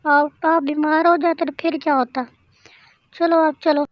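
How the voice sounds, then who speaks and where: A woman's voice: high-pitched, level tone, no room sound, lightly acted. A woman voicing a scolding mother in a cartoon story, lecturing and repeating herself. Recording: dull lo-fi dry recording.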